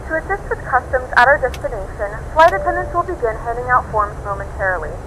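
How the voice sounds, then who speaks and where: Casting: actress as polite flight attendant, higher-pitched, quick scripted announcements over engine noise. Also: female voice, big pitch swings. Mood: polite, efficient. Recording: cabin PA over clear aircraft noise.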